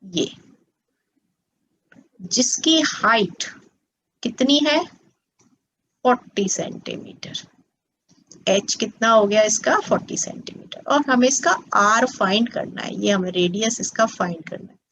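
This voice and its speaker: A woman's voice: mid-range voice, measured pace, pauses often, a bit bright. A woman teaching maths to students as a tutor, patient and coaxing, often checking that they follow. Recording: slightly dull lo-fi sound.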